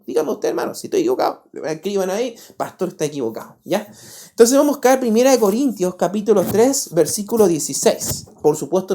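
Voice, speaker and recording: A man, preaching a sermon as pastor. He talks in an animated way and keeps asking the congregation rhetorical questions. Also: high-pitched. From Paraguay. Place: church.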